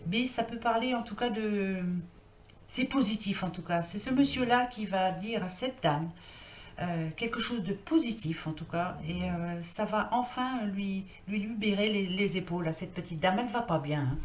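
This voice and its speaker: A woman's voice: medium pitch, moderate pace. Chatty woman reading cards in an echoey room. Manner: chatty, rambling, thinks aloud with many fillers. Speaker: tarot card reader. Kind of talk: casual card-reading vlog. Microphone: built-in computer mic. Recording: echoey room, faint noise.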